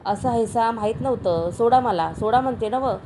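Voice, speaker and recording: A woman's voice: medium pitch, measured pace, noisy background, lightly acted. A woman voicing a young village wife who speaks in rustic dialect, hesitant and then tearful. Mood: sobbing.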